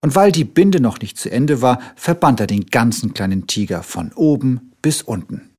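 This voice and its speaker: A man reading a children's story aloud in a tender, expressive manner. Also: mid-range voice, normal speed.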